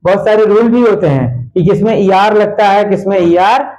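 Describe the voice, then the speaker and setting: A man's voice: sits high, normal speed, darkish tone. A male teacher giving a classroom grammar lesson, quizzing his students with repeated questions. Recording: dull lo-fi classroom recording.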